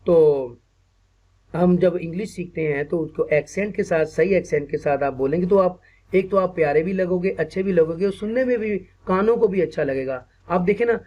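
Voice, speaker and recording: A man with a Pakistani accent giving an online teacher-training lecture, patiently repeating words slowly and checking in often with his listeners. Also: sits high, a little mellow. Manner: mixes English phrases into speech, asks "ठीक है ना" often.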